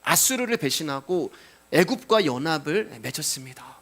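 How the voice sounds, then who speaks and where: A man's voice: a little high, animated, normal speed, a bit bright. A male pastor preaching a sermon, explaining scripture and questioning the congregation with rhetorical questions. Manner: cues scripture readings aloud.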